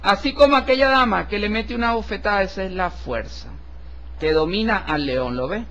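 A man reading a tarot horoscope in a solemn, slow and formal way, addressing the listener with respect. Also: high voice, a bit bright. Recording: dull lo-fi recording with faint hiss.

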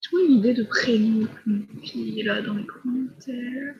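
A teenage girl talks her way through a live mobile game session, rambling with fillers and slipping into soft whispered asides. Her voice sits a little high. The home mic sounds dull and lo-fi, with a faint hiss underneath. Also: unhurried. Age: teens. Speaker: livestreamer. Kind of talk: casual live gameplay commentary.

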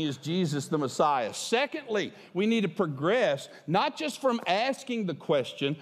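Older man, pastor, emphatic sermon, high voice, very lively pitch, headset mic, long church-hall reverb. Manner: animated, emphatic preaching with wide gestures. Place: large church stage indoors.

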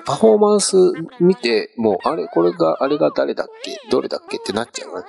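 A man's voice: on the high side, very animated, fast talker, vocal fry, a little mellow. A man hosting a casual video, chatting and teasing while he plays a phone app. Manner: chatty, teasing, tacks "ne" onto phrases. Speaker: vlog host.

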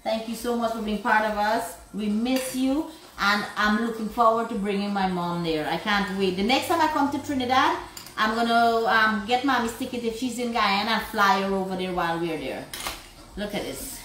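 A woman's voice: medium pitch, moderate pace, fairly bright tone, echoey room, slight background noise, low-quality recording. A woman hosting a live cooking vlog, effusively sending love to viewers while she seasons food. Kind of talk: live cooking demonstration with viewer shout-outs.

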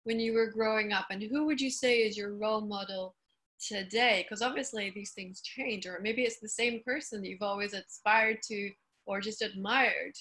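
Woman interviewer, bright tone, long winding questions. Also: mid-range voice, fairly even intonation, moderate pace. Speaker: host.

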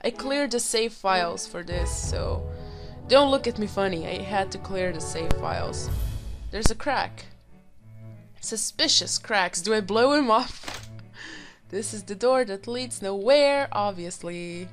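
A woman hosting a let's play, hoarse from being sick and reacting to the game with excited exclamations and giggles. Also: medium pitch, measured pace. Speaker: gaming video host. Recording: faint music behind.

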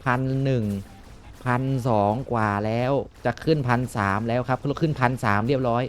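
A young man talks through a game in casual commentary, voice pitched in the middle range. He is excitable and swears freely, breaking into exclamations whenever the game surprises him. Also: moderate pace, soft background music. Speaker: gaming YouTuber.

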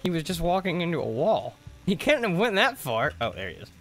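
A man's voice: on the high side, big pitch swings, a little fast, a bit bright. Chatty, laughing young man streaming. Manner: chatty, laughing, jokey asides. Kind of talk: live game streaming chat. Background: game music.

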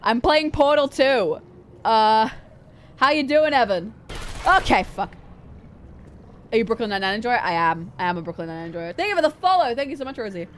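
A woman's voice: fairly high pitch, expressive, normal speed, pauses often. Cute anime-streamer woman with faint game noise. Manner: mutters repeated phrases to herself. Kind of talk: casual livestream gameplay chatter.

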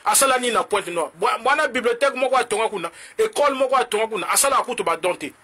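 A man from the Republic of the Congo with a Congolese French accent, delivering a heated political rant to camera in a combative, mocking way and switching languages in rapid bursts. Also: very high voice, animated, bright, forceful tone, husky. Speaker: political commentator.

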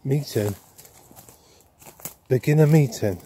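A man hosting a ghost-hunting vlog outdoors in a churchyard, talking softly to spirits and musing aloud with questions. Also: medium pitch, slow, slightly rough. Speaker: paranormal investigator host.

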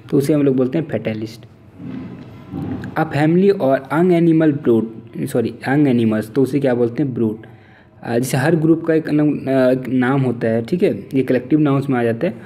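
A man with an Indian accent teaching an exam-prep vocabulary lesson. He reads English definitions out slowly, then explains them in Hindi and keeps checking in with "theek hai". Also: medium pitch, mellow, a little hiss or hum.

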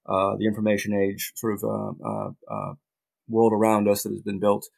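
A middle-aged man, a journalist guest in a casual interview, talking in halting bursts with many restarts and dry asides. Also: fairly low pitch, gravelly, a little mellow.

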